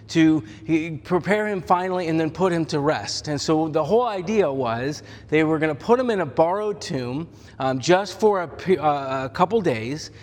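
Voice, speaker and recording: A man's voice: fairly high pitch, big-room sound. A man preaching a sermon as a pastor, telling the story in a conversational way with humor and little acted-out voices.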